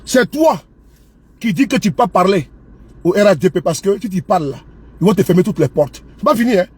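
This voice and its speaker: A man's voice: high voice, expressive, a little fast, husky. A man, an online commentator, delivering a mocking rant that scolds and spells words out.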